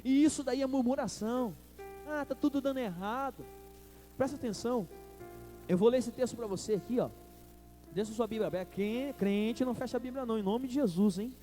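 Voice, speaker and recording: A Brazilian Portuguese-accented man preaches a sermon, calling out to the congregation. His voice sits high but sounds soft and mellow. Faint music plays behind him. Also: quick pace. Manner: preaching with call-and-response to the congregation. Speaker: pastor.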